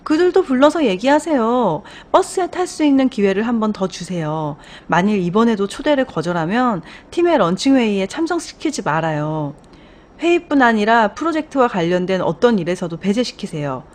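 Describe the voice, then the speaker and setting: A woman voicing a wise, upbeat woman bus driver who gives earnest, encouraging advice in a storybook reading, a bit louder than her narration. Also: medium pitch, very animated, normal speed, pitched above the performer's own voice, natural voice.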